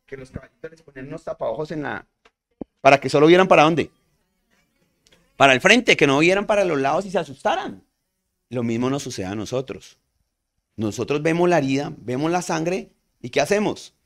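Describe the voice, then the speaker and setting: A man's voice: a little high, animated, fairly quick, pauses often, fairly bright tone. A man teaching a community first aid class. He asks the audience questions and answers them himself. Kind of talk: community training talk.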